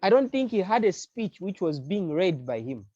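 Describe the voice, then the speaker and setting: A man's voice: high-pitched, sing-song, normal speed, warm tone, no room sound. A man from Zambia speaks on a call that keeps breaking up. His voice is muffled and dry over the phone line, and it cuts in and out. He talks earnestly and keeps restarting his words as the signal drops. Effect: call breaking up, voice dropping out. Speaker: caller. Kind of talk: phone-in political commentary.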